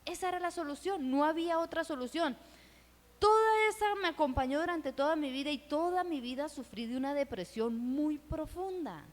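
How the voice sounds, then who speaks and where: A woman's voice: high-pitched, lively intonation, moderate pace. A middle-aged woman and missionary giving an earnest testimony sermon in a church hall, asking her listeners rhetorical questions. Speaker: missionary speaker at a church event. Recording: reverberant hall.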